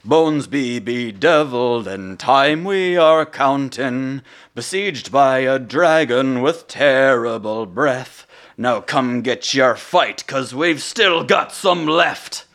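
A man voicing a defiant male mountain king who makes a slow, rhyming proclamation in a magically amplified, echoing voice. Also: medium pitch, fairly bright tone, pitched above the performer's own voice. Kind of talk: tabletop game voice acting.

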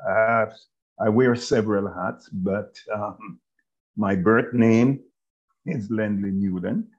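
Slow, measured Jamaican man in his sixties. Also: fairly low pitch, highs cut off. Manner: measured and halting, with many pauses. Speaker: guest, bishop and author. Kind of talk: casual interview talk.

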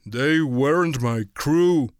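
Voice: medium pitch, slow, dry recording, studio quality, close to an everyday voice. A performer voicing a weary, complaining male rat of royal blood who sighs a lot and tires easily. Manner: sighing, whiny, easily bored.

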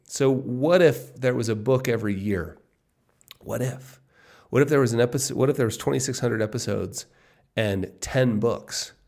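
A man in his fifties hosting his own podcast, musing aloud in an excited, casual solo monologue and often repeating himself. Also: medium pitch, moderate pace, creaky. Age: 50s. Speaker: podcast host.

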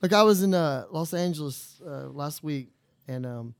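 A man's voice: on the high side, lively intonation, moderate pace, clear, resonant tone, dry recording. A man co-hosting a podcast in casual banter, rambling through stories and acting out the voices of the people in them. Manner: rambling storyteller, acts out quoted voices. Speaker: podcast co-host.

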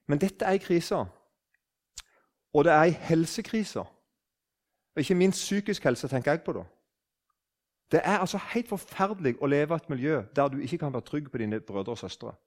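An older man in his sixties from southern Norway tells a story in a loose, conversational way. His voice sits a little high for a man, and he talks with plenty of life, often breaking off and starting his sentences again. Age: 60s. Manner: animated, restarts sentences, acts out quoted speech. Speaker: speaker on faith.

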